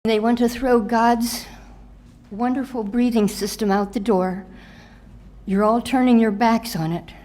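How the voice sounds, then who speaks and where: A woman giving an impassioned protest speech in a shrill, angry, accusing manner. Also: fairly even intonation, a little slow, mellow. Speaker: public speaker protesting mask rules.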